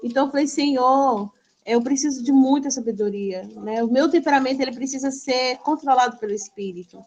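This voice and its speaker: A woman pastor, sharing a lively devotional testimony in an animated storytelling way. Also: high voice, fairly quick, dull audio.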